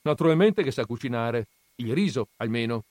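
A sharp-tongued old grandmother teases her husband, put on by a male reader. Her voice is lifted and pointed, mocking him without backing down. The sound is close and dry. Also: mid-range voice, lively intonation, normal speed, dry recording, pitched above the performer's own voice, lightly acted. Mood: teasing.

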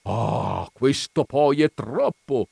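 An indignant, exasperated widow whose voice climbs high and swings about, as a man reading a story puts her on. It is recorded close, with a dry sound. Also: sing-song, slow, darkish tone, dry recording. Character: indignant grieving woman, a widow.

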